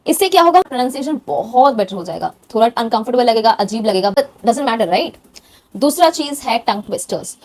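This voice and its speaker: A woman's voice: a little high, animated, moderate pace, darkish tone. A young woman with a direct, encouraging manner, giving casual tips as a cabin crew interview coach. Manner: direct, encouraging, addresses viewer informally. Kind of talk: casual instructional talk.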